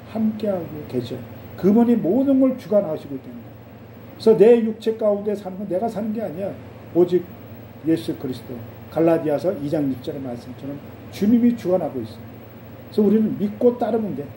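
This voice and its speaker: A man's voice: high voice, warm tone, reverberant, distant mic, a little hiss or hum, rough recording. A male pastor preaching a sermon in a church, talking casually with rhetorical questions and acted-out quotes.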